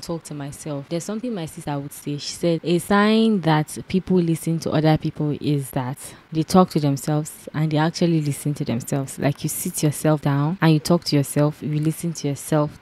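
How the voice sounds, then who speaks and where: A woman's voice: sits low, warm tone. A young woman talking to camera in an earnest, repetitive motivational vlog, laughing now and then. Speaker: vlogger. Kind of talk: casual motivational vlog talk. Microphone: camera mic, speaking to camera.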